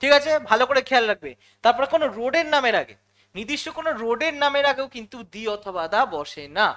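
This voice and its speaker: A quick-talking woman teaches English grammar. She goes step by step, repeats the key words and keeps checking in with her students through questions. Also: a little high, lively intonation, fairly bright tone. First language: Bengali. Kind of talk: classroom-style lesson explanation.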